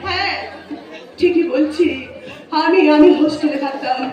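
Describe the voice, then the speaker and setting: A woman's voice: sits high, measured pace, a little mellow, muffled recording, some chatter behind. A woman playing a heartsick young policewoman. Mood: sorrowful. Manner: declamatory, stage-projected delivery with emotional outbursts. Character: young woman police officer, devoted lover. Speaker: stage actor. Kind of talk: live folk-theatre melodrama. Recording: echoey live stage from far off. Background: music and audience.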